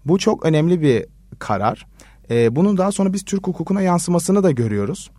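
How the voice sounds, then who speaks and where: A man who is a law research assistant, answering interview questions in a measured way with many hesitation fillers. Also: a little high, very animated, warm tone, dry recording, clean studio sound. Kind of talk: explanatory radio interview answers.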